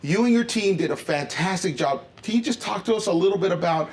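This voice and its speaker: A man's voice: high-pitched, expressive, fast talker. A man doing a casual interview in an enthusiastic, upbeat way. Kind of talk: casual vlog-style interview. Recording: noisy with ambient background sound.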